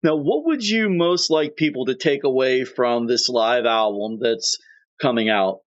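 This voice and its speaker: A man's voice: medium pitch, animated, a little slow. A male podcast host interviewing a guest, speaking earnestly and respectfully. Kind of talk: casual interview chat. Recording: dull lo-fi line.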